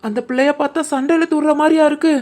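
A woman voicing a soft-hearted village mother in an animated family drama, gentle and pleading, with a southern Tamil Nadu village dialect. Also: sits high, racing, natural voice.

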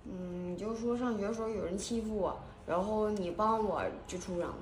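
Bossy, exasperated woman in her twenties acted by a woman, mid-pitched, comedy skit, recorded in a reverberant room. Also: fairly quick, slight background noise, natural voice. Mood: instructing. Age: 20s. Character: bossy, exasperated young woman hiring fake boyfriend. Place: small lounge indoors.

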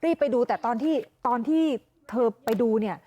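A woman field reporter delivering a live news report, fast and polite, with frequent softening particles. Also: fairly high pitch, animated, dull audio.

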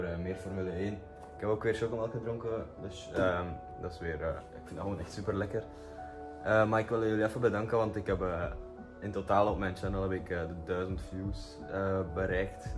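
A young man with a Flemish accent chatting casually to his vlog in a laid-back, slangy way, sprinkling in English words, recorded on a phone at arm's length. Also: low voice. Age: young adult. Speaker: vlogger. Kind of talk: casual daily vlog chat.

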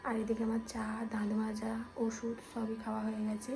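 A woman chats to her viewers as friends in a casual home vlog, talking softly so she won't wake her sleeping baby. Her voice sits fairly high and keeps a flat, even melody. Music plays clearly behind her. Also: a little fast, low-quality recording. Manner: chatty, addresses viewers as friends. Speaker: vlogger and new mother. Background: background music.

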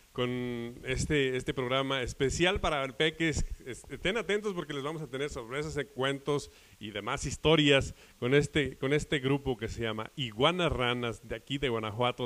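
A man's voice: mid-range voice, a bit bright, a little hiss or hum. An older man hosting a live TV program, chatting and introducing guests with many fillers. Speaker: TV host. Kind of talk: live TV presenting.

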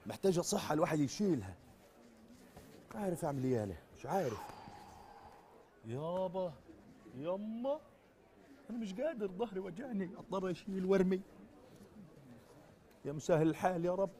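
A man's voice: sits high, expressive, a little fast, long pauses, dark tone. A man with an Egyptian accent playing a weary, jumpy street sweeper in a comedy sketch. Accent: Egyptian Arabic. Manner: complaining, nervous, absurd.

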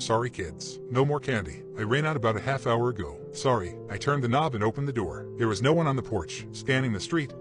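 Male horror narrator, quick steady read, music bed underneath. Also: mid-range voice. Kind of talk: scripted horror story narration. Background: background music.

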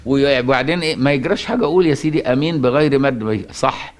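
A man with an Egyptian accent giving a colloquial Quran lesson, often asking his listeners if they follow and chanting verses slowly. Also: medium pitch, slight background noise. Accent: Egyptian Arabic. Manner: conversational, asks rhetorical checks, chants verses slowly. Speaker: Quran teacher.

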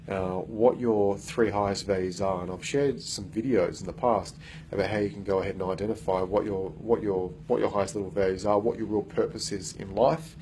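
Holding his phone out at arm's length in an office meeting room, a man in his thirties who works as a coach talks earnestly for a casual self-made vlog, often filling and restarting. He sounds on the low side with a darkish tone, over faint background noise.

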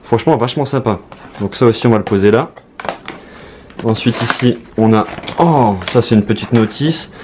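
Young French-accented male YouTuber, casual and excitable, mid-pitched, with faint noise behind. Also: normal speed. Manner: chatty, excited, talks to viewers. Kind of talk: casual unboxing commentary.

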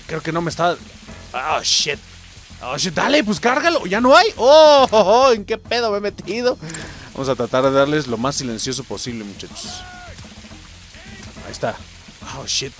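A young man with a Mexican accent giving casual, slangy gameplay commentary as a channel host, swearing often and talking straight to his viewers. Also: mid-range voice. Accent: Mexican Spanish. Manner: excitable, slangy, swears a lot, addresses viewers directly.

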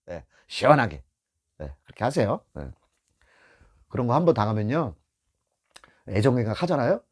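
A middle-aged man who drives a taxi gives beginners blunt, casual advice, acting out scenes from the road and repeating his key points. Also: mid-range voice. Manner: animated, acts out scenes from the road. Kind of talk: casual spoken lesson.

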